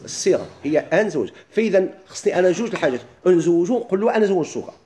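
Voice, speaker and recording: A middle-aged man with a Moroccan accent, teaching a classroom lesson. He keeps asking his listeners quick questions and then answers them himself. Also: sits high, expressive, mellow, reverberant. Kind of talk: classroom lesson explaining legal theory.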